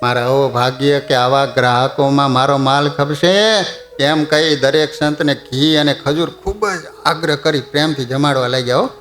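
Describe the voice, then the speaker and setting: A male preacher with a medium-pitched, fairly bright voice narrates a devotional story at a moderate pace, chatting and often quizzing his audience. He speaks in an echoey temple hall with faint music in the background.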